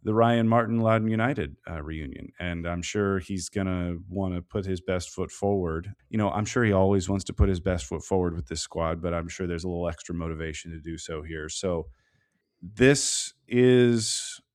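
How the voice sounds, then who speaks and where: Low deep guy on a soccer podcast, lots of uhs and ums, thinking out loud. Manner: measured, thinking aloud with many fillers. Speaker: podcast co-host. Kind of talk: casual sports podcast analysis.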